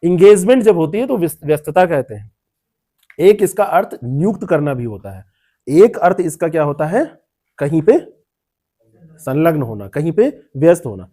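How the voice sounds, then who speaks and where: Man teaching a classroom, dark voice. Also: a little high, big pitch swings, normal speed. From India. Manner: explains word meanings, repeats terms, quizzes students by name. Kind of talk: classroom lecture.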